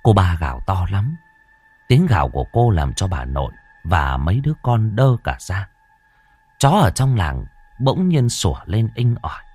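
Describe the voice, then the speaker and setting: Guy reading a ghost story, low voice that swings way up and down, dry close sound. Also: moderate pace, breathy edge, no echo. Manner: expressive, rises and falls dramatically.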